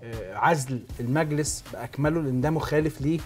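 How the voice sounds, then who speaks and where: A man's voice: medium pitch, a little fast, a little mellow. A man with an Egyptian Arabic accent hosting a sports talk show, explaining points emphatically, step by step.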